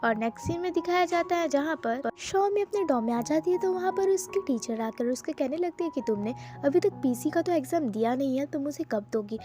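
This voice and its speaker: A woman's voice: sits high, lively intonation, brisk, hardly any pauses. A woman casually retelling the plot of a drama episode in a chatty, loose way, with many fillers. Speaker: drama recap narrator. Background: background music.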